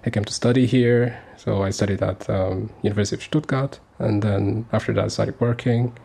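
A man's voice: lowish voice, steady tone, brisk, gravelly, dark tone, slightly rough. A man in his thirties from Sudan, speaking as a guest on a community radio interview, earnest and hesitant with many fillers and restarts. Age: 30s.

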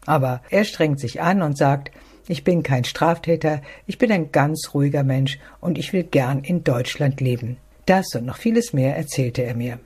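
A radio presenter with a mellow, slightly husky voice, narrating a feature and interviewing a guest. The questions come calm and friendly. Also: medium pitch, normal speed.

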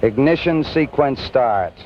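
Male launch commentator, slow measured countdown, breaking-up space radio transmission, muffled archive sound. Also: mid-range voice. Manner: calm, measured countdown calls. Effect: crackly, breaking-up space radio transmission. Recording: muffled lo-fi archive broadcast with loud rocket roar. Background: thundering rocket engines.

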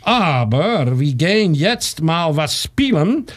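A man from the Netherlands with a Dutch accent, presenting on a community radio show in halting second-language German with many fillers. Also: a little high, sing-song. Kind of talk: casual multilingual radio presenting.

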